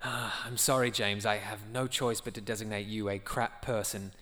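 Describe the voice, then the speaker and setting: A man playing a brisk, officious afterlife assessor in a comedy sketch, speaking in a matter-of-fact, bureaucratic way. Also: lowish voice, little pitch movement, sharp tone.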